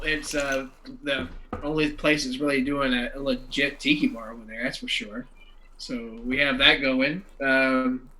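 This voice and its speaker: A man answering as a guest bar co-owner, quiet and hesitant. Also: mid-range voice, slight background noise, poor audio.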